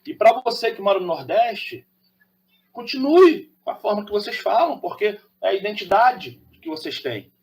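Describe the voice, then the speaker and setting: A man from Rio de Janeiro, Brazil, with a Carioca Brazilian Portuguese accent, hosts a channel in a high, very animated voice at a moderate pace. His opinionated monologue is preachy and packed with rhetorical questions.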